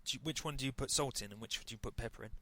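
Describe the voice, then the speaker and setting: A man's voice: medium pitch, rapid-fire, pushed and bright, a little hiss or hum. A man hosting a casual podcast, reading listener questions and laughing along. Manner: playful, laughs while reading.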